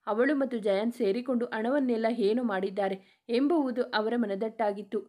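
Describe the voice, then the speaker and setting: Woman storyteller, fairly high voice, steady dramatic narration. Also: moderate pace.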